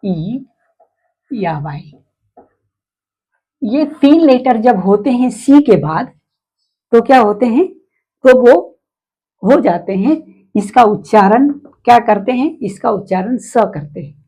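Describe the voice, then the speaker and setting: A woman with a Hindi accent explains English syllables in an unhurried video lesson. She keeps repeating each term and asking rhetorical questions before she answers them. Her voice sits fairly high, with a husky, mellow tone. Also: animated. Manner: repeats terms and asks the class rhetorical questions. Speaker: English teacher.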